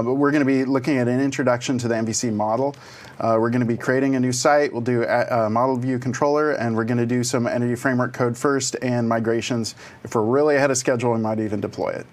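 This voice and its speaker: Guy chatting through coding slides, laid back, dry jokes, steady middle voice. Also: medium pitch. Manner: relaxed, dry humor, walks through slides step by step. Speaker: co-presenter of a web development course. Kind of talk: casual technical explanation.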